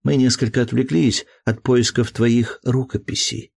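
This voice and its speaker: A man's voice: medium pitch, fairly even intonation, a little slow, vocal fry, darkish tone, slightly rough. A man reading an audiobook, voicing a tender, playful young woman in love in a raised, breathless voice.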